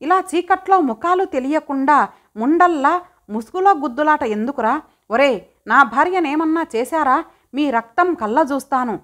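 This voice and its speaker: A young husband shouts in furious defiance at his captors, as a woman narrator reads his lines. He sounds high-pitched within the storybook reading. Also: expressive, moderate pace. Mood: defiant.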